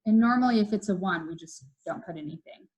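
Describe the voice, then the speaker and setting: A woman's voice: medium pitch, quick pace, darkish tone, muffled recording. A young woman teacher explaining step by step in a recorded video lesson, repeating the key rules for emphasis.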